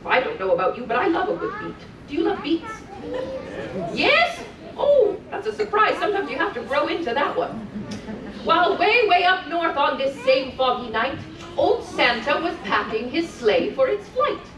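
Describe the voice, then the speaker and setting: A woman playing a cheerful, gentle Mrs. Claus, reading rhymes to children in a sing-song, encouraging way with chatty asides. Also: high-pitched, big pitch swings, moderate pace, crowd noise. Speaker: character storyteller at a children's event. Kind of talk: live storytelling to children, rhymed picture-book reading. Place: indoor room on a cruise ship. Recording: distant mic, roomy echo, faint noise.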